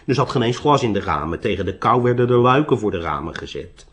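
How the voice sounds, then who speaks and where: A man narrating a storybook tale in an expressive reading voice. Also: mid-range voice, fast.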